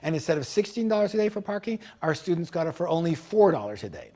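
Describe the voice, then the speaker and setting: A man delivering an energetic sales pitch for a course. His voice sits a touch high and swings widely up and down as he leans hard on key words, often repeating them for emphasis. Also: fast talker. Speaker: seminar speaker selling a business course.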